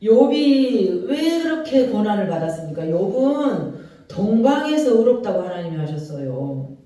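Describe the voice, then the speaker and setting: A pastor with a Jeolla Korean accent delivers an animated sermon, acting out prayers in a mellow voice. The sound rings through a large church hall with strong echo. The voice is picked up from well away from the microphone. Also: medium pitch, a little slow. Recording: very echoey church hall, voice from far off.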